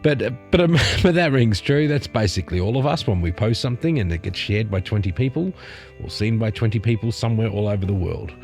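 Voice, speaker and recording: Low-voiced man, sardonic rambling commentary. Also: animated, fairly quick, a little mellow. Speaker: host of a satirical news commentary channel. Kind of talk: casual commentary on memes and screenshots. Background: music.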